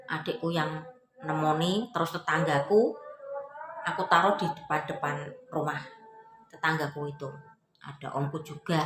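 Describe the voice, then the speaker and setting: Lower-voiced woman, vlogger telling a story, animated, echoey room. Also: background noise. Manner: animated, acts out other people's lines.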